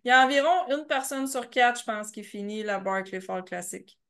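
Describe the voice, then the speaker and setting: A woman's voice: on the high side, normal speed. A young adult woman with a Québécois French accent, telling race stories as a podcast guest, laughing often. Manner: animated storytelling, laughs often, many fillers. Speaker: podcast guest, ultra trail runner. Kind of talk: casual interview chat.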